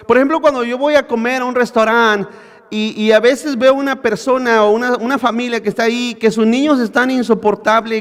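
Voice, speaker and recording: Male preacher, really high pitched, church echo all over, fires questions at the congregation. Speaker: pastor. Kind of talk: sermon. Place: church hall. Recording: echoey church hall.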